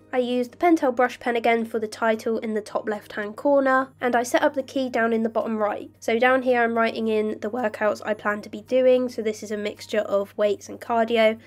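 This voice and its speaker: A young woman with a slightly croaky voice from illness, calmly narrating her journaling step by step. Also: a little high, moderate pace, hardly any pauses. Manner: calm, detailed step-by-step explaining. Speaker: bullet journal vlogger. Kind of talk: voice-over narration of crafting.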